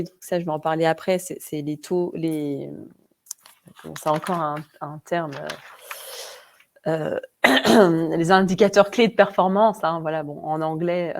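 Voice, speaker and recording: Woman, Vosges accent, lowish voice, webinar presenter, hesitant, chatty asides. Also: darkish tone. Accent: Vosges French. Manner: hesitant, many fillers and restarts. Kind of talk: online training webinar.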